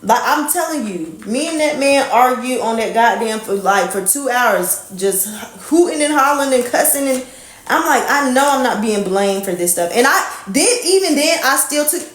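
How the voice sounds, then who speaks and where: Animated, cursing woman venting in a roomy space. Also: high voice, moderate pace. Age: 30s. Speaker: livestream host. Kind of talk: casual storytelling on a live stream. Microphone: phone.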